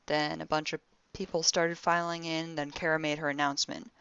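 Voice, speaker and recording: This sci-fi audio drama has a woman playing a young crewwoman reading her personal log, recorded close, dull, and dry with almost no room sound. She speaks a little fast in a smooth, low voice, wry and sardonic, her exasperation deadpan and conversational, with a dry, subdued mood.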